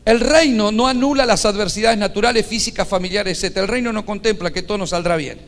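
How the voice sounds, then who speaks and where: A man's voice: high-pitched, fast. A man, a pastor preaching a sermon emphatically and repeating his key points. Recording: long hall reverb.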